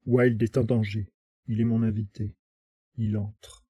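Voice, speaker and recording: Man doing a sinister cold aristocrat, low and quiet, dark husky tone, soft music behind. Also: level tone, a little slow. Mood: menacing. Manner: cold, cutting.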